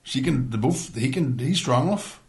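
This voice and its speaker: A middle-aged Northern Irish man co-hosts a podcast, chatting casually and bluntly, swearing as he rants about everyday life. His medium-pitched voice is expressive, with vocal fry, at a normal speed.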